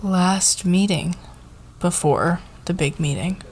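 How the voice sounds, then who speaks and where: A woman takes on the role of a kind, supportive boss in an ASMR roleplay, speaking to her team softly and haltingly, as if in an office. Her fairly low voice is slightly rough, and she comes across as appreciative and encouraging.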